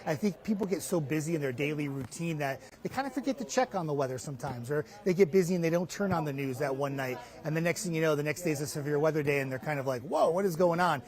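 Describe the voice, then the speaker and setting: Live from a hardware store, a middle-aged TV meteorologist in a lapel-mic interview talks fast with hardly any pauses, his fairly high voice carrying a darkish tone. He explains conversationally and emphatically.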